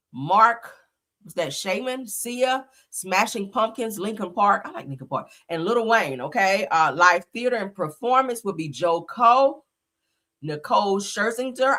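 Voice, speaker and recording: Her mid-range voice has a fairly bright tone as she hosts a relaxed live stream, a slight cold making her sniffle. Chatty and easygoing, she keeps greeting her viewers and uses "y'all."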